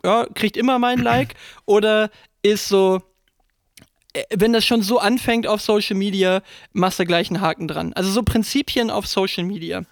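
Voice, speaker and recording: High-voiced chatty man, dry close sound. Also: no room sound. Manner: rambling, many fillers and restarts. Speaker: podcast co-host. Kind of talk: casual chat.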